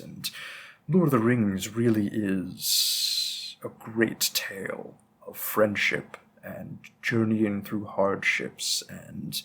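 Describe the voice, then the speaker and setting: Voicing the ageless, old-fashioned bookstore keeper, a man speaks to the listener with rambling, gently formal politeness in this roleplay audio drama. His exaggerated delivery sits fairly low and carries a breathy edge.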